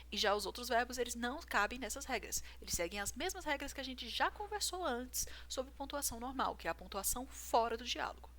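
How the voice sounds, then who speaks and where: A writing teacher with a fairly high, slightly bright voice explains grammar rules to a viewer, working through examples. She checks in by asking "right?" or "certo?", and there's a little background noise.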